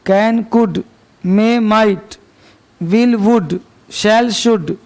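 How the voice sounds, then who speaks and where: Slow, gravelly high-voiced male teacher. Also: a little mellow. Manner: chatty, joking, quizzes students. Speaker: English teacher. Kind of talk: classroom lecture. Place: classroom.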